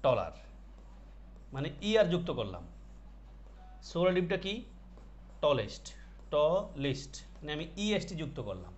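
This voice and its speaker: A man with a fairly high voice teaches an online grammar class. He explains each point slowly, repeats the key words and puts questions to his students. The audio is muffled and dull. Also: sing-song. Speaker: English teacher.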